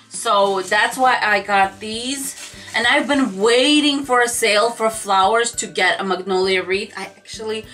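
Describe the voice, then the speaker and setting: A woman's voice: mid-range voice, pushed and bright. A woman craft vlogger chatting casually to camera about her shopping haul, gushing and talking straight to her viewers. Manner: gushing, chatty, addresses viewers as "you guys".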